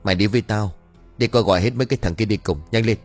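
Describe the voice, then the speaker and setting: A man voicing a frantic father who talks in an urgent, commanding way and shouts. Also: on the low side, very fast, soft background music, natural voice. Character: frantic father searching for his son.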